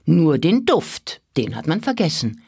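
Brief: old grandfather telling tales, voiced by a woman, low, slow, a bit husky. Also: very animated, dark tone, dry recording, clean studio sound, heavily acted. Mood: calm. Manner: slow, measured, lowered voice. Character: patient old grandfather storyteller, easily irritated.

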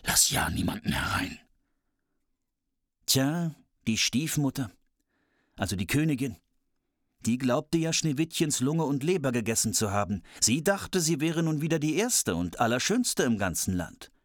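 Someone reading a fairy tale aloud in a lively, playful way, adding cheeky asides. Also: mid-range voice, moderate pace, dry recording, studio quality. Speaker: storyteller.

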